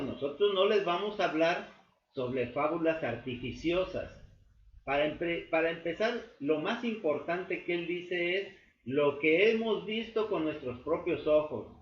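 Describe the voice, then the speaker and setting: Male Bible teacher, halting explanatory delivery full of fillers, echoey lo-fi room sound. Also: on the high side. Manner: explains slowly, with many fillers and restatements. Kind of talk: classroom Bible lesson. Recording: echoey, dull room recording with faint noise.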